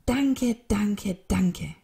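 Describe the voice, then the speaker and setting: A woman's voice: mid-range voice, normal speed, a little mellow, natural voice. A woman voicing a worried male albatross, a weary flock leader who pleads in a raised, strained voice in a storybook reading. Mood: overjoyed. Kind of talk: storybook read-aloud.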